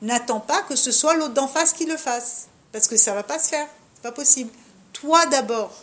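A woman teaching a religious class for women, speaking straight to her listeners and scattering Hebrew terms through her lively lesson. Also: high voice, normal speed.

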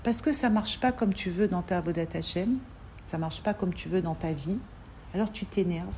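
A woman teaching an informal religious class to a group of women, animated, repeating words and acting out little dialogues as she explains. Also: fairly low pitch, moderate pace, a little hiss or hum.

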